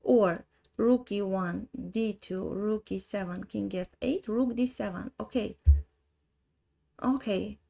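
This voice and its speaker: A woman in her thirties with an Armenian accent thinks aloud slowly in halting English while solving chess puzzles on a live stream. Her mid-range voice is warm, with some vocal fry.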